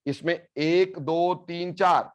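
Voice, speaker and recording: Slow high-voiced male chemistry teacher. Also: steady tone. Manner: explains step by step, asks the class "clear?" and repeats key terms; calls students "beta" and "bhai". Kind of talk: classroom lecture mixing Hindi and English. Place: classroom.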